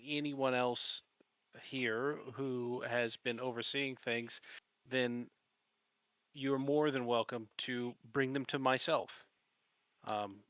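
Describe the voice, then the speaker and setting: A nervous woman inventor apologizes and pleads for calm, soft and halting, as a man plays her. The tone is bright and close, with no room sound. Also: mid-range voice, no room sound, highs cut off. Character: anxious, apologetic woman tinkerer, conflict-shy.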